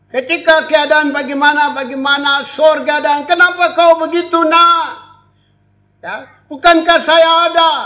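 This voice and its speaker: A middle-aged man, preaching a sermon as pastor and swinging between loud exclamations and hushed asides. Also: sits high.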